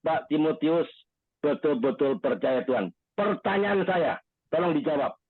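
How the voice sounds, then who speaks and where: A man hosting a testimony session, briskly putting questions to the guest. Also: fairly high pitch, lively intonation, dry recording. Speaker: host. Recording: dry, husky phone line.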